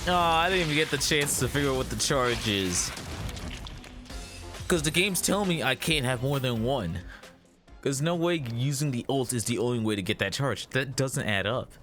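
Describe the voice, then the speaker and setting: A man's voice: mid-range voice, expressive, normal speed, fairly bright tone. Chatty male game streamer. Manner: chatty, jokey, talks to himself. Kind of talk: casual gameplay commentary. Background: game music.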